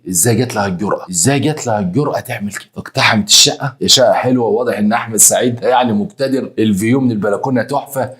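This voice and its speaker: A man's voice: on the low side, a bit bright. A man with an Egyptian accent, commenting on online trends in a casual, incredulous storytelling manner. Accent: Egyptian Arabic. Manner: rapid-fire, incredulous storytelling.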